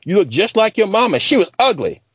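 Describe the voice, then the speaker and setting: A man voicing a loud, quick-tempered aunt who taunts a little boy, in a brash way of talking, read from a story. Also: high-pitched, big pitch swings, husky, dry recording, lo-fi sound, heavily acted. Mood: mocking, angry. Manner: brash taunting Southern-style speech.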